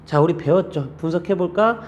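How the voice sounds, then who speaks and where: A male teacher giving a classroom lecture, keeping the students engaged with constant rhetorical questions and an animated delivery. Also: fairly quick. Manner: lively, animated delivery with frequent pitch jumps. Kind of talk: classroom lecture on Korean grammar.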